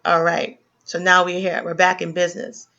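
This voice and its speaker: Speaking at normal speed in a fairly low, pushed, bright voice with a completely flat delivery, a Caribbean vlogger gives heated opinion commentary. She lectures viewers with many fillers and restarts, and the sound is dull and lo-fi.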